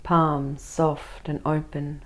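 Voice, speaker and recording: Soft, low-pitched woman guiding meditation. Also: flat delivery. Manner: soft, soothing, gentle delivery; slow, spaced short phrases with pauses. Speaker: meditation guide. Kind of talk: guided meditation and body scan.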